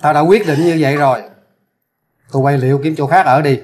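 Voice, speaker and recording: A man's voice: fairly high pitch, brisk, darkish tone, slight background noise, close to an everyday voice. Man playing a domineering old father-in-law. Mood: scolding. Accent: Southern Vietnamese. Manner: scolding, commanding. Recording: roomy, distant mic.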